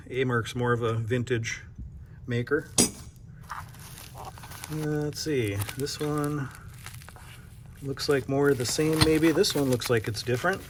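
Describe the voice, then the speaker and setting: A man's voice: medium pitch, background noise. Chatty man unboxing silver bars. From North Dakota. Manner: chatty, self-deprecating, thinking aloud. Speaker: coin shop owner. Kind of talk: casual unboxing vlog.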